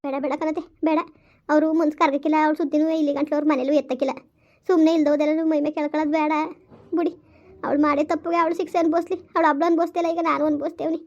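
A woman's voice: sits high, level tone, very fast, a little mellow. A middle-aged woman playing a sorrowful, complaining village mother in an amateur drama on a lo-fi recording. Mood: bitter. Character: grieving village mother, weary, self-pitying. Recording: lo-fi dull recording.

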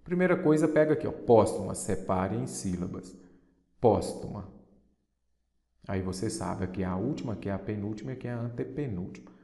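Brazilian teacher, low voice, echoey room. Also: male voice, lively intonation, fast, vocal fry, warm tone. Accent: Brazilian Portuguese. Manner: explains step by step, asks and answers his own questions. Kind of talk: exam-prep lesson.

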